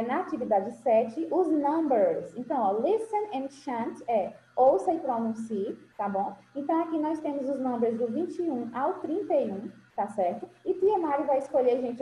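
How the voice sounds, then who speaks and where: Teaching English to young children by video call, this woman speaks in a high, mellow voice with patience and warmth. She often says "my love" and makes sure each child is keeping up. The roomy call audio carries faint ambience and a little hiss or hum.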